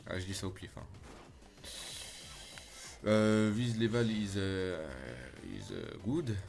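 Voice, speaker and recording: Gravelly and fairly low, this man takes his time as soft music plays in the background. Streaming a video game, he chats casually with his audience, calls them "les gars," gets excitable and talkative, and lets out swears when frustrated during his gameplay commentary.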